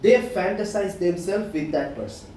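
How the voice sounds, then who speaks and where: A man with a high-pitched, mellow voice co-hosts a podcast, speaking at normal speed in casual chat that turns earnest and lecturing, packed with "uh" and "you know." He sounds far from the mic in an echoey room, with faint hiss.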